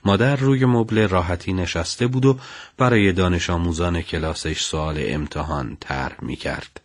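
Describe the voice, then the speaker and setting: A man narrating a family story in a calm, even storytelling manner. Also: low-pitched, dry recording, studio quality.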